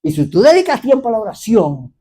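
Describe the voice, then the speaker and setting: A man's voice: high voice, a little fast. A male pastor preaching a fiery sermon at a church gathering, questioning the crowd and calling out hallelujah. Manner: animated, exclaiming hallelujah, questioning the congregation.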